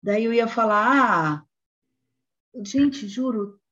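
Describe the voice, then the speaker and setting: A woman's voice: fairly high pitch, animated, slow pace, fairly bright tone. Muffled, musing woman co-host. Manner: musing, thinking aloud. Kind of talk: casual chat.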